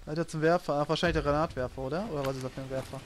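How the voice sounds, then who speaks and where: A man's voice: a little high, steady tone, very fast. A man giving casual, joking and sarcastic let's play commentary on a video game. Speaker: let's player. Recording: game gunfire and noise behind. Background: video game gunfire.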